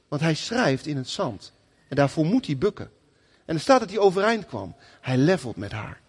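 A man preaching a sermon in a lively, conversational way, often acting out the people he quotes. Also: fairly high pitch, slightly rough, in a large hall.

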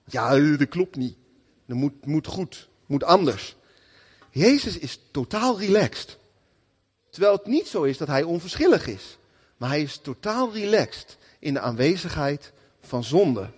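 A man preaching a sermon in a lively, conversational way, often acting out the people he quotes. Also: on the high side, breathy edge, in a large hall.

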